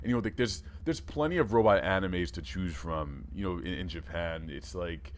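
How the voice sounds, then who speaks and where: A man's voice: deep voice, normal speed, natural voice. A man playing a red alien co-host of a comedy talk show, rambling and playful.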